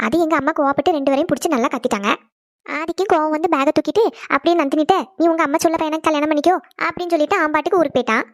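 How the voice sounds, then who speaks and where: A woman's voice: high voice, racing, dry recording, studio quality, pitched below the performer's own voice, natural voice. Woman doing Janani, an anxious young wife. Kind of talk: cartoon voice acting.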